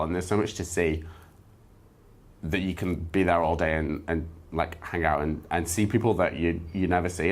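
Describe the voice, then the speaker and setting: A man chatting casually as an interview guest, telling anecdotes in an informal, self-deprecating comic way. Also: deep voice. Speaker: interview guest, drag performer and comedian.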